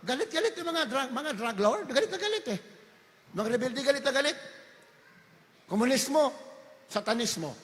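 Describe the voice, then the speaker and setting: Male preacher, high bright voice, fervent shouting sermon, long hall reverb. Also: lively intonation, moderate pace, pauses often. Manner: fervent, often shouting, mixing Tagalog with English.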